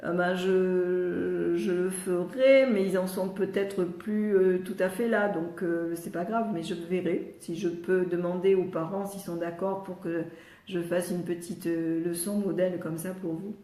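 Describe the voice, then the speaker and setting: An older woman with a French accent, a speech therapist answering live questions, patiently sounding out letters and syllables and pausing often to read viewers' questions. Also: lowish voice, fairly even intonation, warm tone, roomy sound. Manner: reads viewers' questions aloud, frequent hesitations. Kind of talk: live Q&A teaching.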